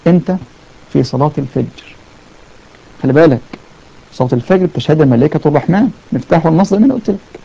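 A man's voice: fairly high pitch, expressive, very fast, gravelly, pauses often, mellow, husky. A man with an Egyptian accent preaching in colloquial Arabic, telling stories with emphatic repetitions and taking callers. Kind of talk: fervent colloquial sermon. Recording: dull lo-fi audio.

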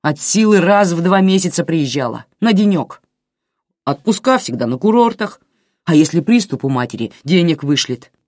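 An audiobook reader voicing a grumpy, bitter elderly stepfather who grumbles gruffly, with lively pitch. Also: moderate pace, dry recording, clean studio sound, close to an everyday voice. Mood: grumbling. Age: older.

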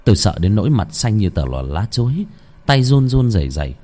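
A man's voice: lowish voice, very animated, a little fast, mellow. A man narrating a ghost story in a dramatic, suspenseful manner.

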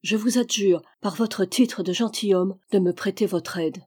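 A woman's voice: mid-range voice, normal speed, a little mellow, slightly rough, natural voice. A woman reading the part of an old, devoted male valet from Brittany in an audiobook, earnest and loyal in manner.

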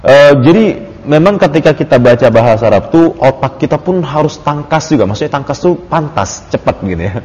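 A man teaches Arabic grammar in an informal study circle, explaining patiently with many fillers and easy laughter. His voice is a little high, animated, a little fast and darkish in tone, and the audio is dull and lo-fi with long reverb.

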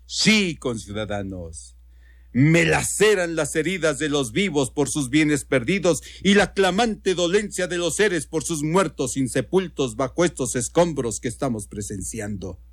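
A man's voice: a little high, expressive, unhurried, no echo, studio quality. A man playing a pompous governor orating. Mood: solemn, grandiose. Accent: Mexican. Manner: florid, solemn oratory. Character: pompous, grandiloquent male state governor making a speech. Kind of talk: radio story reading.

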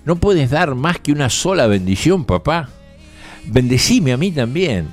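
A man's voice: lowish voice, expressive, normal speed, darkish tone, soft background music. A man voicing a desperate grown son begging his father for a blessing, in a raised, strained voice. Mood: pleading, bitter.

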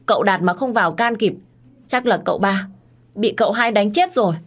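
A woman voicing a bold young servant girl who shouts and tattles in an audio story. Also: a little fast, natural voice. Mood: tattling. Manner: shrill, tattling.

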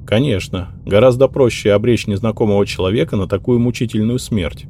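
A man's voice: lowish voice, a little fast, dark tone, slight background noise, pitched above the performer's own voice, natural voice. A man voicing a cold, threatening young male mage who speaks in a clipped, commanding way. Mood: menacing.

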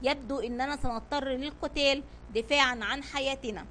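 A woman's voice: high voice, fairly even intonation, fairly quick, sharp tone, a little hiss or hum. A woman voicing a brave male sailor captain, leading his men with commanding calls. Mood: grave.

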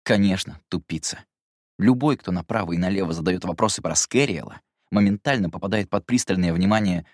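Playing a brusque, menacing young man, this male audiobook narrator goes very deep, low and clipped, a little fast, turning every jab into a hushed warning. It sounds gruff and hushed, recorded dry and close with no echo.

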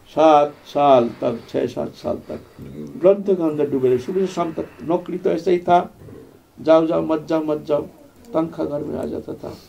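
An older man giving a devotional spiritual discourse, telling his life story in a reflective way with repeated phrases and soft trailing fillers. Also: on the high side, creaky, slight background noise. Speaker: spiritual speaker.

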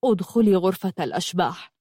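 A woman's voice: lowish voice, lively intonation, fast, dark tone, husky, no echo, studio quality. Woman reading as an urgent protective brother. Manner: urgent, coaxing and pleading. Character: protective older brother, earnest young man. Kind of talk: audiobook storytelling.

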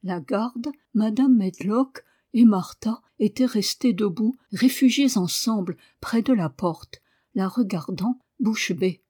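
A woman reading a novel aloud as audiobook narration, measured and expressive. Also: mid-range voice, husky. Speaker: audiobook reader. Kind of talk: scripted narration.

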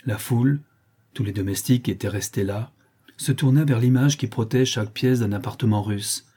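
A man narrating a classic novel as an audiobook, in a measured, expressive storytelling manner. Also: mid-range voice, husky.

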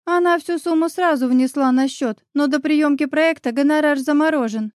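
A woman's voice: high voice, dry recording, pitched above the performer's own voice, lightly acted. Fields: Figure: young pregnant woman, emotional and chatty, played by a woman reading an audiobook. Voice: raised, light, close and dry. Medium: audiobook. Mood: grumbling chat. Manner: lively, quick mood swings between tears and laughter.

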